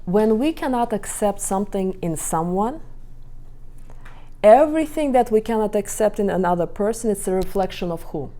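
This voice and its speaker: A middle-aged woman tells a group stories from her own marriage. Her voice is mellow and warm, and she acts out every quote as she goes. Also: medium pitch, moderate pace. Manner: storytelling, animated acting out of quotes. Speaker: relationship coach. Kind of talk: talk to a live group.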